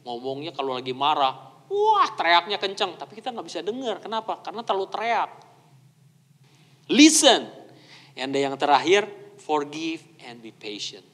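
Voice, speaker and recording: A man's voice: fairly high pitch, brisk. A man preaching a sermon as pastor, mixing in English phrases and asking the congregation questions. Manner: mixes Indonesian with English phrases; animated, asks the congregation questions. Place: church hall. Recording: long church hall reverb.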